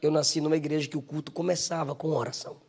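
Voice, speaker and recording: A man from Bahia with a Bahian accent, preaching a live sermon at a church service. He builds up to shouting and sings out imitations of bell sounds. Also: fairly high pitch, fairly even intonation, fast talker, gravelly. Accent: Bahian Brazilian Portuguese. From Bahia, Brazil. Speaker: pastor.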